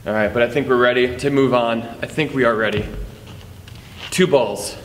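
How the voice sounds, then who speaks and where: A man's voice: medium pitch, fairly even intonation, normal speed. A young man teaching juggling in a playful, joking way, talking straight to the viewer as he demonstrates. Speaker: juggling instructor. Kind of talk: instructional video. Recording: echoey room with long reverb, faint noise.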